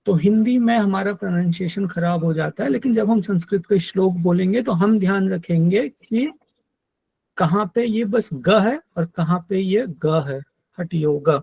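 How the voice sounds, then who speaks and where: A man teaching a yoga text in an online class, explaining slowly and patiently and drilling Sanskrit pronunciation. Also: high-pitched, creaky, a little mellow, husky, no room sound. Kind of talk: online lecture.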